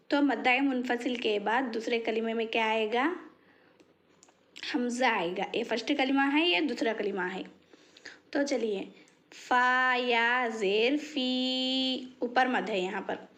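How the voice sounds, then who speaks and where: Slow high-voiced woman teaching recitation. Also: a bit bright. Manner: drawn-out spelled recitation, then quick explanations. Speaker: Quran reading teacher.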